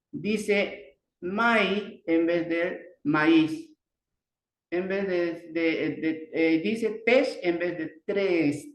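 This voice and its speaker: A man with a Bolivian Spanish accent giving an online speech therapy lecture, halting often, restarting words and tagging sentences with a questioning "no". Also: fairly high pitch. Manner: halting, many restarts and "¿no?" tags. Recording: roomy echo.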